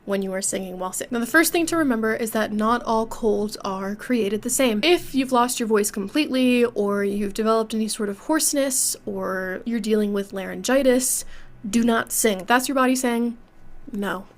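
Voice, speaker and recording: A young woman with a congested voice, giving an online singing lesson as a voice teacher in a clear, instructive way. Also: on the high side, normal speed. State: congested from a cold.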